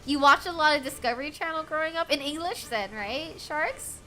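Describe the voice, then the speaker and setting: Brisk and high-pitched, a young American woman laughs often while gaming and chatting casually with her viewers. Her manner is giggly and animated, and faint game music can be heard underneath.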